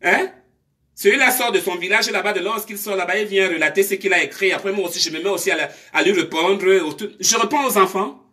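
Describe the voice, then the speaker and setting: A woman's voice: medium pitch, fast, fairly bright tone. A woman, scolding her commenters during a live stream with confrontational rhetorical questions.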